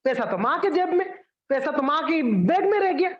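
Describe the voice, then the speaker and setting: A man's voice: very high voice, sing-song, normal speed, voice pushed up. A man voicing a whiny little boy who keeps pleading for a balloon, recorded in an echoey room with dull sound. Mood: dismayed. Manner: pleading, insistent.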